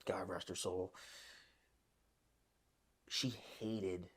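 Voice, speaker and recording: A man's voice: low-pitched, steady tone, drawn-out words, fairly bright tone, husky. A man hosting a podcast, chatting casually and telling stories in a rambling way, with frequent restarts. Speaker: podcast host.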